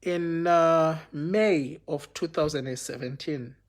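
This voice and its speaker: A man with a higher voice talks slowly as he casually relates a personal story to viewers. Animated throughout, he acts out what people said and fills his speech with "you know" and "okay."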